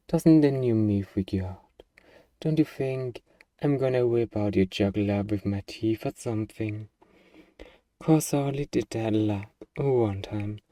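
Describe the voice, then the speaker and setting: In a dry space with no room sound, a very dark, muffled, mid-range voice positioned far from the mic lightly acts a hardened zombie apocalypse survivor in an ASMR audio drama. The delivery is swaggering and sarcastic with a casual, defiant edge, the mood hushed and wry.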